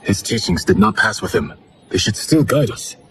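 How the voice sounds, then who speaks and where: A man's voice: fairly low pitch, lively intonation, normal speed, fairly bright tone, slight background noise, low-quality recording. A man playing a loyal younger brother in a warrior clan in a video game, earnest and reasoning. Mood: earnest, reproving. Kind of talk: cinematic video game acting.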